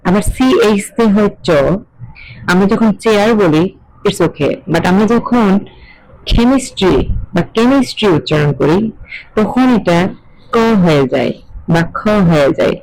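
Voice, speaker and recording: A middle-aged woman, explaining an English lesson in a measured, questioning way. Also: mid-range voice, darkish tone, low-quality recording. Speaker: English teacher.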